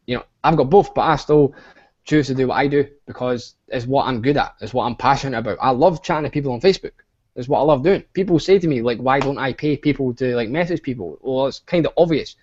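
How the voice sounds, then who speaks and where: A man's voice: medium pitch, highs cut off. A young Scottish man hosting an online webinar, talking in a hyped, rambling way with lots of fillers. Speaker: webinar host. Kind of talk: casual online webinar pitch. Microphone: video call.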